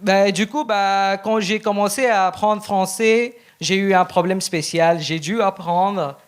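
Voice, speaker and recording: A young man from India, a Telugu speaker, doing a deadpan, self-deprecating stand-up set. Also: high-pitched, unhurried, clean tone. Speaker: stand-up contestant.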